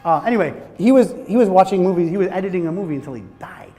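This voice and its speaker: Fast-talking American man lecturing in a hall. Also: high voice, faint music behind. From Michigan, USA. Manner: animated, joking, swearing, restarts sentences. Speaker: film director giving a talk. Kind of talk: casual lecture to a live audience. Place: hot lecture room with an audience.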